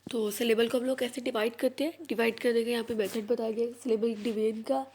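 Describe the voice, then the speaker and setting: A woman with a Pakistani Punjabi accent teaching an English class in Hindi-Urdu, reading English sentences slowly and then explaining them. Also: fairly high pitch, flat delivery, darkish tone, slight background noise. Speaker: school teacher. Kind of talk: classroom lesson.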